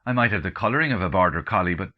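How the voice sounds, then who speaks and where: A man voicing a sharp-tongued, middle-aged Irish countrywoman with an Irish accent who scolds her husband in quick, exasperated retorts. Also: low-pitched, lively intonation, phone-quality sound. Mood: scolding.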